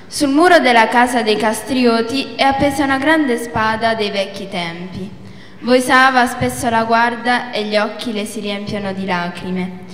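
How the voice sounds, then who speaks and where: Woman reading a tale to an audience; even, expressive; echoey hall sound. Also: mid-range voice. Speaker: reader at a cultural event. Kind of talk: reading a story aloud. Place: hall at a live event. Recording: echoey hall, faint background noise.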